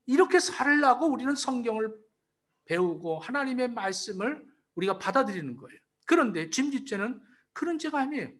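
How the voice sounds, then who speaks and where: Guy pastor preaching, kinda high voice, really animated, keeps repeating his point. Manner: emphatic, repeats key phrases to explain them; calls out to the congregation. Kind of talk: sermon.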